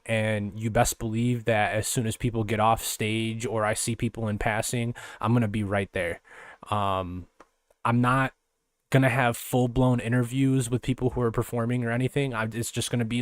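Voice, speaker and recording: A man hosts his podcast alone and talks in a loose, rambling way, full of fillers and restarts. His voice sits at a middle pitch. It is recorded close and dry, with no room sound. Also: dry recording. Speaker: podcast host. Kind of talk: casual podcast monologue.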